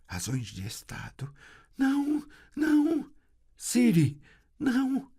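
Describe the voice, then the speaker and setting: A terrified young girl in a trance, pleading in a high, shaking cry, as a male narrator puts her on. Her voice leaps up loud and husky. An audiobook nightmare scene. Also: wildly swooping pitch, slow, full character voice. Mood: panicked. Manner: panicked, pleading.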